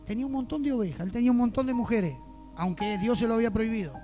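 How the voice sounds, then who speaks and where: A man's voice: very high voice, very fast, warm tone, muffled recording, faint music behind. A man with an Argentine accent preaching a fervent sermon in church and asking the congregation rhetorical questions.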